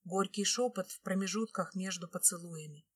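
A woman narrating a love story aloud in a steady, expressive manner. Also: medium pitch, normal speed, breathy edge. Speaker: audiobook narrator. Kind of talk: scripted narration.

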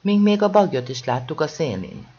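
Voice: mid-range voice, husky, lo-fi sound. A reader voicing a cheeky, eager schoolboy in an audiobook. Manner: eager, whispering excitedly. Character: cheeky young schoolboy, excited sidekick.

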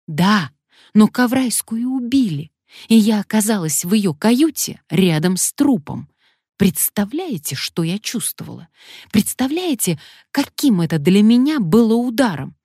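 A woman's voice: very animated, measured pace, dark tone, breathy edge, no room sound, studio quality, exaggerated voice. A woman reading an audiobook, voicing a frightened, fussy young woman blogger who babbles and shrieks. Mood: panicky. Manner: shrill, babbling.

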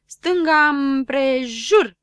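Lady reading a kids book, doing a bossy tiny mechanic guy, loud and high, yelling orders like a drill sergeant, dry close sound. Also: lively intonation, dry recording. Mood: commanding. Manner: barks commands loudly, marching-drill style. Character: bold, bossy little male mechanic. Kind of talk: storybook reading.

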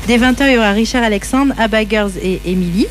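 A woman's voice: on the high side, fast talker. A woman with a slightly worn-out, partly lost voice after a big weekend, chatting casually and a little hesitantly as a radio co-host. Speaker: radio co-host presenting local events. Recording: faint music bed behind studio talk.

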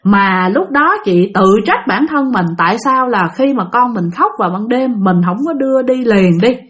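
A woman's voice: a little high, normal speed. A woman telling a spooky real-life story and talking straight to her listeners. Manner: animated, talks straight to listeners.

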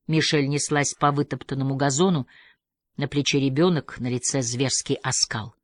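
A woman narrating a novel in a measured audiobook reading. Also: rumbling low, steady tone, no room sound. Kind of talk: scripted narration.

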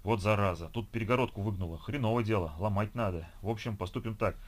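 A man reading an audiobook voices a gruff, grumpy male repairman who talks brusquely. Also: lowish voice, quick pace, lightly acted. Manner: brusque, mutters curses.

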